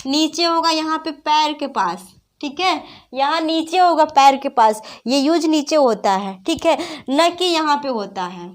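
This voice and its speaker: A woman with a high voice teaches a grammar class. She talks patiently and works through examples. She keeps asking her students questions, then answers them herself. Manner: repeats questions to students, addresses them as friends; patient, explains slowly with examples. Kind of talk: online class lesson.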